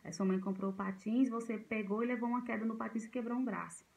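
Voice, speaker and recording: A woman's voice: fairly high pitch, fairly even intonation, fast, gravelly, a little mellow, low-quality recording. A woman giving an informal talk to parents about raising children, speaking conversationally with frequent fillers and restarts. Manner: conversational, repeats herself, many fillers and restarts. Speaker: parenting educator.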